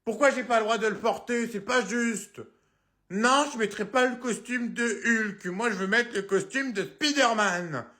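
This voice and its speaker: A man's voice: extremely high pitch, measured pace, sharp tone, voice pushed up, heavily acted. A man doing a whiny little boy sulking. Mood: whining. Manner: sulky, pleading.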